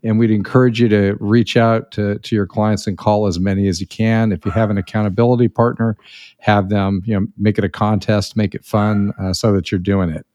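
A man co-hosting a casual podcast, talking in an upbeat, folksy way with playful asides. His voice sits on the low side. The sound is dry and close to the mic. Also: level tone, brisk, a little mellow, no echo. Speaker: podcast co-host.

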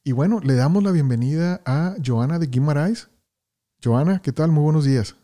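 Speaking at a moderate pace in a mellow, fairly high-pitched voice, this Houston man hosts a podcast interview, welcoming his audience with energy and frequently repeating himself.

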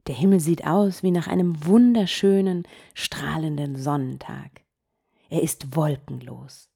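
Hosting a meditation podcast, a woman leads a guided session in a low, breathy, mellow tone. Her gentle guidance comes very slowly and quietly, frequently falling to almost a whisper.

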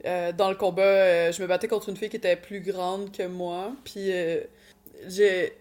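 A woman's voice: lowish voice, level tone, normal speed, darkish tone. A woman with a Quebec French accent giving casual interview answers, informal and sprinkled with English words. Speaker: Muay Thai fighter and coach.

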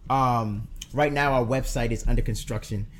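A man's voice: mid-range voice, fairly even intonation, moderate pace. A man chatting casually as a podcast guest and fitness trainer, slangy, laid-back and agreeable.

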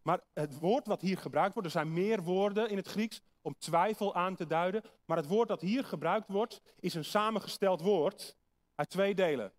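High-voiced preacher explaining scripture. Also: male voice, normal speed. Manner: explanatory, asks the congregation rhetorical questions. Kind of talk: sermon with Bible reading.

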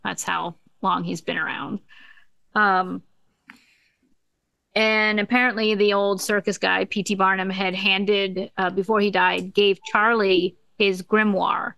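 A woman's voice: mid-range voice, level tone, slow pace, creaky, pushed and bright, no echo. A woman co-hosting a podcast, casually recapping a TV episode with frequent fillers. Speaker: podcast co-host.

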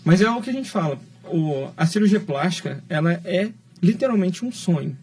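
A man's voice: high-pitched, animated, normal speed, a little mellow. A man with a Brazilian Portuguese accent, a plastic surgeon hosting a podcast, friendly and earnest as he explains. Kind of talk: casual podcast chat.

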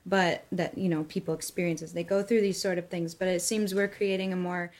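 A woman's voice: lowish voice, flat delivery, a little fast, a little mellow. A woman co-hosting a podcast, thanking her guest and asking probing questions about her story. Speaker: podcast co-host. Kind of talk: interview questions.

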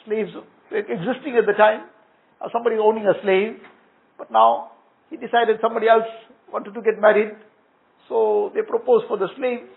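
A man's voice: sits high, gravelly. A man giving an earnest storytelling sermon, with Arabic phrases woven into his talk. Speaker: Islamic preacher. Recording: tinny phone-like sound.

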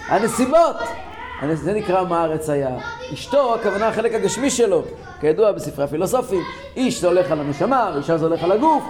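A man giving a Torah lesson to a group, impassioned, swinging from loud exclamations down to low, intense talk. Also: sing-song, echoey room, a crowd in the background. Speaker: Torah teacher.

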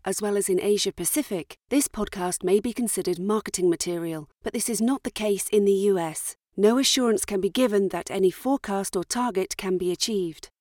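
A woman reads a scripted legal disclaimer in a formal, steady manner, like financial fine print. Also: medium pitch, dry recording, studio quality. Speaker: disclaimer reader.

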